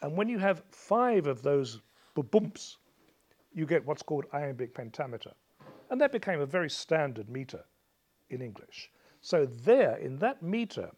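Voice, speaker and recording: A man's voice: on the high side, darkish tone. Patient man explaining poetic rhythm. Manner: patient, illustrates rhythm by chanting beats and counting syllables. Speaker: teacher. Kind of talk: explaining a poem to a student.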